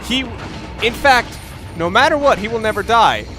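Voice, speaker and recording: Over loud game music and sound effects, a man who makes gaming videos chats through a let's play in a loose, rambling, self-deprecating style. His voice sits high and is expressive, and he keeps a moderate pace.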